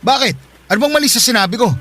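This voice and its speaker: A high, lively, quick-talking young man in a radio drama, defensive and pleading. Faint music sits under his lines. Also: heavily acted. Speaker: stay-at-home partner in a radio drama.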